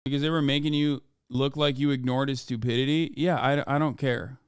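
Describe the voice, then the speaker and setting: A man's voice: mid-range voice, fairly even intonation, a little fast, clear, resonant tone, no room sound, studio quality. A man in his thirties streaming and reacting to a video, swearing and mocking in disbelief. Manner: profane, incredulous and mocking. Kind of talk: casual live-stream commentary.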